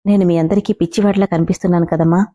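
A woman's voice: lowish voice, steady tone, racing, dark tone, lo-fi sound, natural voice. A woman voicing a heartbroken, stubborn young man who insists he is right, in a spoken storybook. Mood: sorrowful. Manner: pained, insistent.

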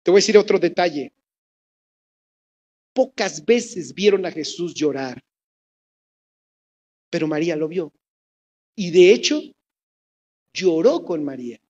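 A woman with a Mexican accent preaching a sermon, telling the story in a lively way and asking the congregation questions. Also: fairly low pitch, a little slow, long pauses, highs cut off.

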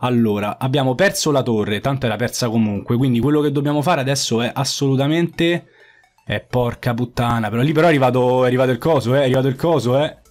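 A man's voice: medium pitch, fast, a little mellow, faint music behind. A man commenting on his own mobile game match, swearing often and repeating phrases in frustration. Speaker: gaming YouTuber. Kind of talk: live gameplay commentary.

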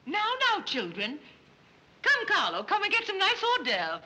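A high, bright, sing-song voice that flits up and down, belonging to a dizzy society matron. She dithers and titters through every line in classic 1930s screwball film style. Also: huge pitch swings, a little slow, heavily acted, rough recording. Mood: fussing. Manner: fluttery, dithering, giggly. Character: flighty scatterbrained society mother. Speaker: mother.

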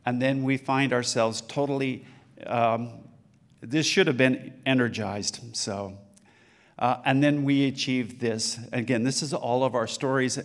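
A man in his sixties giving a conference talk on stage into a handheld mic, with a loose delivery full of fillers and restarts. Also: medium pitch. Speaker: conference speaker. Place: dark conference stage with a large room.

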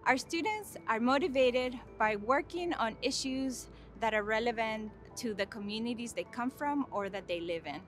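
Assured woman, slightly high, formal. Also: moderate pace, hardly any pauses, fairly bright tone, faint music behind. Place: outdoors on campus path.

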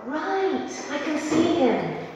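A curious questioner in an exam dialogue, her high voice swinging widely as she asks. The sound is dull and distant, with heavy room echo and faint noise. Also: very animated, slow, darkish tone, exaggerated voice. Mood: questioning. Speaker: speaker in a recorded listening-test dialogue. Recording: dull, echoey, far from the mic, faint noise.

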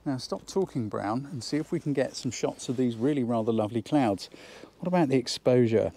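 Man, photography tutor, outdoor hillside, chatty, enthusiastic, thinking aloud, medium pitch. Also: expressive, fairly quick, dark tone. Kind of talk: instructional outdoor vlog.

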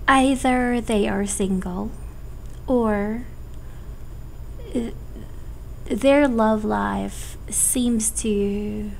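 A woman with a cold and a cracking voice, giving a casual tarot forecast in a halting, hesitant way. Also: on the high side, creaky, a little mellow, a little hiss or hum. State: has a cold. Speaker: tarot reader.

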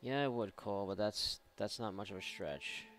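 A gaming video host keeps up casual, sarcastic, often profane let's play commentary as he plays. His pitch is fairly low and his speed normal, with crowd noise in the background.

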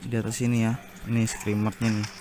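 A man's voice: fairly low pitch, monotone, brisk, noisy background. Chatty man commenting on gameplay. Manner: chatty, exclaims at jump scares. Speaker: gaming YouTuber.

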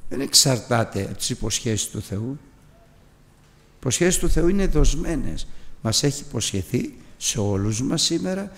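A man preaching a sermon in a church, telling a personal story as a lively storyteller and putting questions to the congregation. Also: on the high side, vocal fry. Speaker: pastor. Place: church hall. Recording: long reverb of a church hall.

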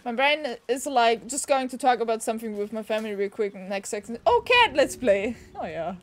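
A woman streaming a game, chatting casually, excitable and swearing freely as she reads game text aloud. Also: fairly high pitch, fast. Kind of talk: casual gaming chat. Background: faint game music.

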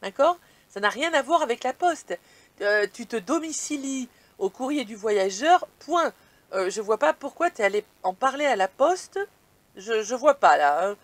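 A woman's voice: on the high side, lively intonation, normal speed, no room sound. A woman vlog host answering viewer questions in casual chat, speaking bluntly and addressing viewers informally.

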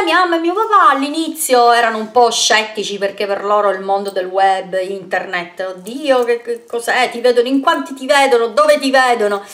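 A woman's voice: sits high, fairly bright tone. A woman beauty vlogger answering viewer questions in a casual Q&A video, chatty and rambling, sending kisses and pet names to her followers. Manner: rambling with frequent fillers and self-corrections.

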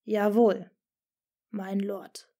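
A woman voicing an exhausted young man answering his master in flat, dutiful replies. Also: medium pitch, extremely slow.

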